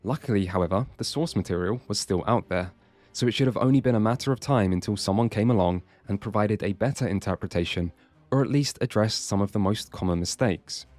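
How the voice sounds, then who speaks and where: A man's voice: on the low side, brisk, a little mellow, dry recording, soft background music. A man reading scripted video essay narration in a dry, sardonic way.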